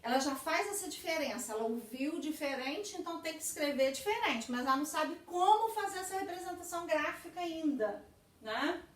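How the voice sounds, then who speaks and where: A woman's voice: high-pitched, animated, brisk. A woman teacher giving a lecture, explaining patiently and often checking in with her listeners with tag questions. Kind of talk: recorded lecture explaining literacy stages. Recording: echoey room, voice from a distance from the mic.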